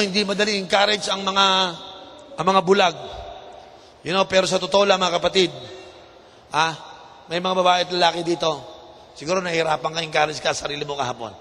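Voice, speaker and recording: A man with a Filipino accent preaching a lively, humorous sermon, mixing Tagalog and English and acting out little scenes for the congregation. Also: high-pitched, brisk, pauses often. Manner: animated, mixes Tagalog and English, acts out anecdotes in changing voices. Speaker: bishop preaching. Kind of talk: lively sermon with humor and audience call-and-response. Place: church hall. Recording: reverberant hall with faint ambience.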